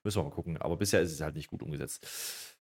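A man hosting a casual wrestling review chat, animated and acting out quotes as he goes. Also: a bass voice, quick pace, slightly rough. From Germany.

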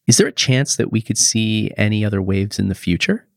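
A man's voice: on the low side, fairly quick, vocal fry, dry recording, clean studio sound. A man hosting a news podcast, asking a guest short, plain questions about the week's headlines. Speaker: podcast host.

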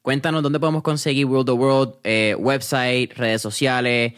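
This is a man who hosts an interview podcast. He keeps the talk loose and relaxed and slips English words in. His voice sits at an ordinary middle pitch for a man. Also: moderate pace, clear, resonant tone. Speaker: podcast host interviewing an entrepreneur. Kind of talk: casual interview chat.

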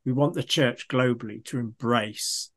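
Musing male interviewer, mid-pitched voice. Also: unhurried. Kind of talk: conversational interview.

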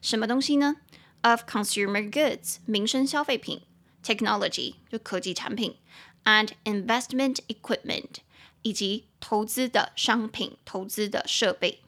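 A woman hosting a casual podcast lesson, translating phrase by phrase and spelling words letter by letter, chatty and quick to joke. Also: medium pitch, a bit bright. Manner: chatty and joking, laughs easily. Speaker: English teacher and podcast host.

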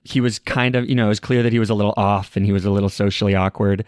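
Guy hosting a movie podcast, lowish voice, chill chatty storytelling, dry close mic. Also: racing, clean tone, no room sound. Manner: relaxed storytelling, conversational. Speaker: podcast co-host. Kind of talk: casual film review podcast.

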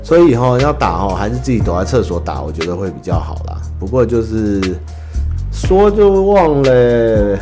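Taiwanese guy podcast host, low voice bouncing all over, chatty and self-mocking, bit of music faint behind. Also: lively intonation, fast, hardly any pauses, a little mellow. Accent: Taiwanese Mandarin. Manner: rambling, self-mocking storyteller who laughs at himself. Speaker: podcast host answering listener letters. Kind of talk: casual chat.

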